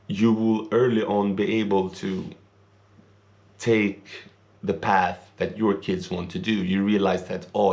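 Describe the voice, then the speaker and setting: Here a young vlogger from Sweden talks in English with a low, slightly mellow voice and vocal fry. He shares his opinions in an earnest, rambling way, using non-native grammar.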